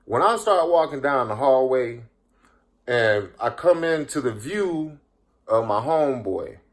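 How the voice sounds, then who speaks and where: A man's voice: medium pitch, expressive, measured pace. A young man casually retelling a creepy story, slangy and profane, full of fillers.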